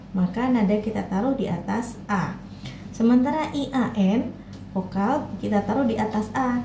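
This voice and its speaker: A woman teaching a Mandarin lesson, patiently modeling each tone slowly and clearly for learners. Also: medium pitch, dark tone. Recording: echoey room, faint background noise.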